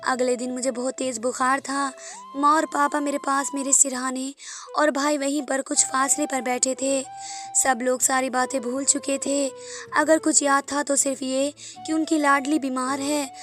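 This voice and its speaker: A woman's voice: high-pitched, level tone, normal speed, a bit bright. A woman narrating an emotional first-person story in a sorrowful, heartfelt way. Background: faint music.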